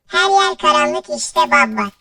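Cheeky little robot son played by a woman, gravelly and sharp, higher pitched, deadpan literal comebacks. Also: measured pace, full character voice. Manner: literal-minded, cheeky backtalk.

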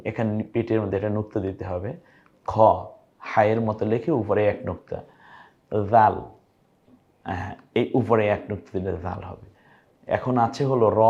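A male Quran teacher giving a recorded online lesson. He encourages his students warmly and asks and answers his own questions as he goes. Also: fairly low pitch, lo-fi sound.

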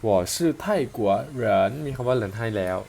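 A man's voice: medium pitch, fast, darkish tone, a little hiss or hum. A man with a Thai accent teaching a language lesson, patiently repeating and breaking down example sentences.

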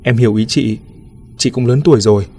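A man's voice: medium pitch, steady tone, fairly quick, dark tone, husky, soft background music. A man voicing a nosy, blunt middle-aged village woman who pries in a familiar, gossipy way, in a spoken ghost story. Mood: friendly. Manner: prying, familiar.

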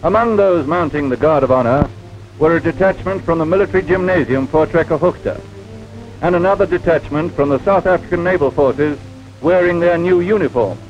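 A man narrates an old 1950s newsreel in a formal, measured way. His voice sits a little high and comes through a dull, lo-fi soundtrack. Clear music plays behind him. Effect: old 1950s newsreel recording.

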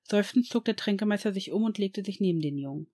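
Fan fiction reader, even storytelling, audiobook narration. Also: medium pitch, fast.

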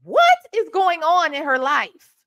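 A woman in her forties from Ohio, speaking with a Southern US accent, hosts a reaction video from a small room at home. Into a webcam's desk microphone she gives emphatic, sassy, animated commentary on a call being played, her voice very high and slow.

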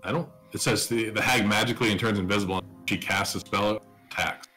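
Man in his thirties, game master, lowish pitch, bright edge, casual narration, faint music. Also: fairly even intonation, fast talker. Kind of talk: casual tabletop game narration and rules talk. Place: indoor room at home, on a video call.

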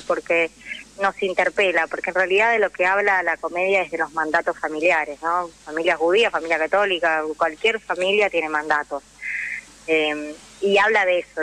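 This actress and drama teacher, a young Rioplatense Argentine woman, is a guest on a radio interview with poor audio. She talks in a lowish, pushed, bright voice, making her points emphatically and frequently checking in with the person she's speaking to.

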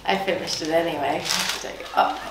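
A woman's voice: low voice, brisk, very noisy. Hungover young woman, playful and slangy, echoey room. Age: 20s. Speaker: singer-songwriter discussing own song. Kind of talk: casual chat while eating on camera. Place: indoor studio set with backdrop. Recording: echoey room, music behind.

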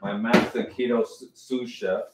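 Heavy background noise surrounds this middle-aged man from New York City, whose mid-range voice stays steady as he enthusiastically chats through a live home cooking show with his wife. The camera mic is far away, and the dining-room studio echoes with kitchen clatter while he wanders into drawn-out asides.

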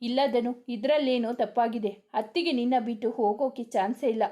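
A woman's voice: a little high, steady tone, a little fast, dark tone, natural voice. A woman voicing a loyal young male friend who asks urgent questions and reassures in an audio story. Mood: worried.

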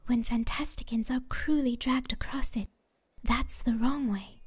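Give the fantasy audiobook a serene, otherworldly empress with a childlike air, acted by a woman. Her voice sits fairly high and is very breathy, close to a whisper. She speaks gently and in measured phrases. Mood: grave, calm. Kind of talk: fantasy audiobook character dialogue.

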